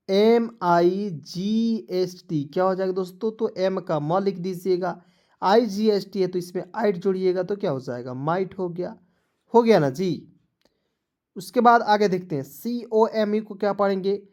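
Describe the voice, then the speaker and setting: A man teaching an online lesson. He breaks words apart letter by letter and keeps checking with viewers whether it is clear. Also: high-pitched, measured pace, darkish tone. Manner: addresses viewers as friends, asks for likes. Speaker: English teacher.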